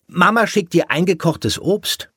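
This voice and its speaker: A man's voice: on the high side, big pitch swings, normal speed, dry recording, clean studio sound, voice pushed up. A man voicing a bored young boy hedgehog in a storybook reading. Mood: eager.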